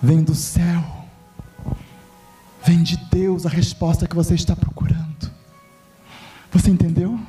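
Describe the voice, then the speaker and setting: Male pastor, high voice, emphatic sermon delivery in a church; distant mic, faint music. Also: little pitch movement, measured pace, long pauses. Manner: emphatic, repetitive, rising to shouts.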